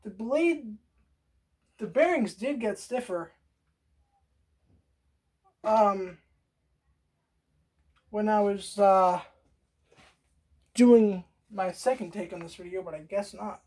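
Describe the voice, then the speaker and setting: A woman's voice: mid-range voice, slow, long pauses, dark tone. A woman hosting a casual how-to video, rambling, swearing freely and talking straight to the viewer. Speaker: DIY video host.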